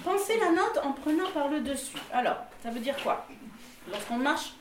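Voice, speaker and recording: A woman's voice: high-pitched, normal speed, background noise. A woman leading a choir singing workshop, explaining technique with frequent laughs and short sung examples. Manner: lively, laughs often, sings examples. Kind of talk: vocal workshop instruction. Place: room with a group of singers. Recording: echoey room, from a distant mic.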